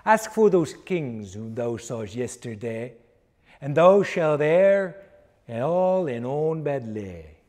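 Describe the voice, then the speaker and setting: A man's voice: mid-range voice, big pitch swings, slow pace, a little mellow. Theatrical man declaiming in Shakespearean English, reverberant hall. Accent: reconstructed early modern English pronunciation. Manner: declamatory, dramatic, projected to the room. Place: wooden recital stage indoors. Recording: long reverb of a wooden hall.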